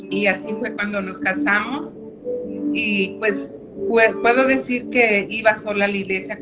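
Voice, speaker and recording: A woman giving a personal faith testimony as a radio guest, hesitant and with frequent filler words. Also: medium pitch. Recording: muffled radio recording with background noise.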